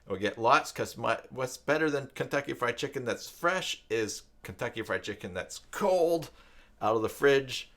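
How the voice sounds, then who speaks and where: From a downstairs room at home, a live-streaming man in his 50s who makes tutorials chats in a casual, rambling manner. His medium-pitched voice is expressive and a bit bright, moving at a moderate pace.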